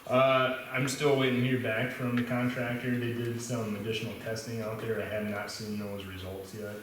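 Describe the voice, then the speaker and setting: A man's voice: medium pitch, flat delivery, normal speed. A man, the city engineer, giving a casual report and answering questions at a council meeting, hesitating with ums. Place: council chamber. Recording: echoey hall recorded from far off, noisy.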